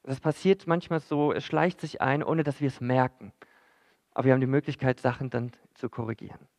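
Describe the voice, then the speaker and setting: A man's voice: mid-range voice, fairly even intonation, fairly quick, darkish tone. A man preaching a sermon in church, in a conversational way that addresses the listeners directly, with frequent fillers.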